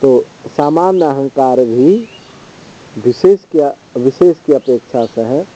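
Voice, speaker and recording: Swami type, very slow and mellow, reads Sanskrit verses then unpacks them, dull lo-fi recording. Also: male voice, mid-range voice, animated, a little hiss or hum. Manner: recites Sanskrit verses, then explains them slowly in Hindi. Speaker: swami teaching scripture. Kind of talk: scripture study commentary.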